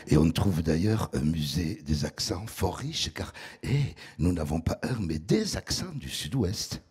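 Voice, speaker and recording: A man putting on a deep velvety Toulouse drawl. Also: sing-song, husky, full character voice. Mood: warm mock-solemn. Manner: slow, warm, mock-solemn.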